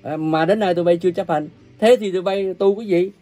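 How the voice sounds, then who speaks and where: A man preaching an angry, ranting sermon, cursing and scolding his listeners with coarse insults, his volume swinging from loud bursts to low mutters. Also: fast talker, soft background music. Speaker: self-proclaimed religious preacher.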